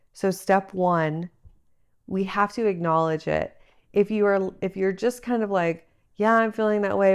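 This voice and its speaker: Using a travel mic instead of her usual one, a podcast host in her thirties delivers solo advice in an earnest, encouraging manner. A cold leaves her a little congested, and her lowish voice sounds clear and resonant.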